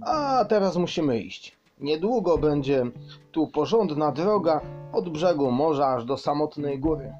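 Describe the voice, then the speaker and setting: A man voicing a proud, enthusiastic father troll who talks in grand, excited phrases. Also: on the high side, measured pace, muffled recording, faint music behind. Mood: eager.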